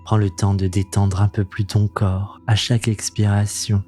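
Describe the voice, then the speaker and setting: A man leading a guided meditation in a soothing, gentle, intimate voice that sounds close to the ear, unhurried and calming, as the host of the practice. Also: fairly low pitch, soft background music. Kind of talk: slow guided meditation narration.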